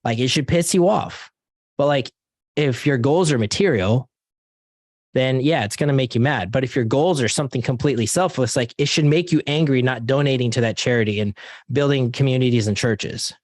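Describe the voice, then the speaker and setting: This studio-quality, dry recording features a brisk man at medium pitch giving a laid-back, motivational sales training talk over an online meeting. He fills the talk with "like" and addresses his listeners as "guys" and "dude."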